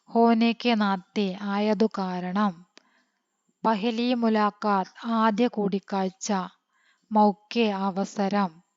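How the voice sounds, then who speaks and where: A woman from teaching an online lesson, reading text slowly and then quickly glossing words one by one. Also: medium pitch, steady tone, a little mellow, dry recording. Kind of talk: online Hindi lesson explained in Malayalam. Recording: dull lo-fi sound.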